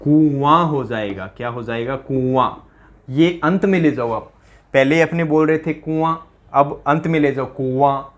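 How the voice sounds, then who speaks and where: A man's voice: mid-range voice, a little slow. A male teacher giving a pronunciation lesson, drilling students with repeated questions. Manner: drills with repeated questions, mimics rural dialect speakers for laughs.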